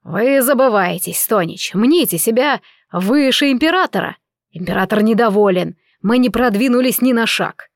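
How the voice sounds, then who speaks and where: A woman's voice: mid-range voice, normal speed, no echo, clean studio sound, close to an everyday voice. A woman voicing a cold, displeased male healer in an audiobook, hissing his words.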